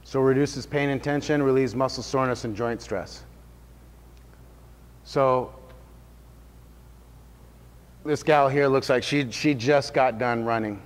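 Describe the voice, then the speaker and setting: A man's voice: medium pitch, fairly even intonation, a little slow. A man working as a fitness trainer, giving an informal workshop talk to a group in a casual, explanatory way and checking in with his listeners. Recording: reverberant hall sound.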